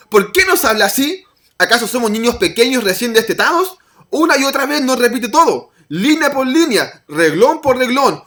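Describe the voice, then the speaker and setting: A woman with a Chilean accent, a parent, teaching a church Bible class in an informal, hesitant sermon style that acts out the voices she quotes. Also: on the high side. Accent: Chilean Spanish. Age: adult parent of a child. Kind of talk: conversational sermon.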